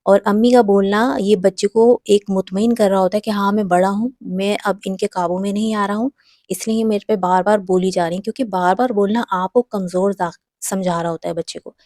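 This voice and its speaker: A woman with a warm, mellow, medium-pitched voice speaks directly to mothers, giving parenting advice in a steady, instructive tone. The recording is close and dry with no surrounding room sound.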